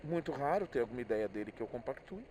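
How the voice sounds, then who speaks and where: Speaking fast and expressively in a mid-range, dark-toned voice, a middle-aged Brazilian man who vlogs about motorcycling rambles casually and hesitantly through his personal thoughts, repeating words often. The recording is rough, with a little hiss or hum.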